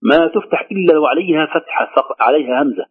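A man teaching Quran recitation, slowly drawing out each word he demonstrates. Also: fairly high pitch, breathy edge. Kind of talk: recitation lesson. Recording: tinny phone-line sound.

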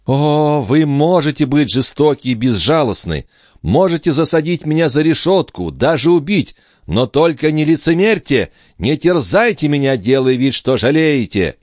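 A man voicing a desperate, defiant young woman held captive, crying out and pleading in high, strained outbursts. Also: lively intonation, normal speed, no room sound, clean studio sound, lightly acted. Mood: furious. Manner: sobbing, pleading, shrill outbursts.

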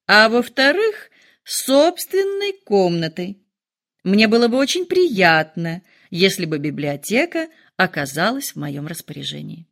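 A woman voicing a calm, wry older father who speaks in a measured, ironic way. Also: medium pitch, creaky, heavily acted.

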